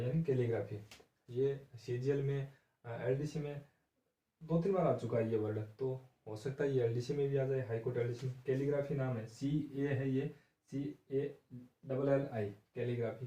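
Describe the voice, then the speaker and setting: A man teaching a vocabulary lesson for exam preparation, explaining slowly, spelling words out letter by letter and checking in with his students. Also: mid-range voice, dark tone, distant mic. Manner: repeats key terms and checks with "theek hai". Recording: dull roomy classroom sound from off-mic.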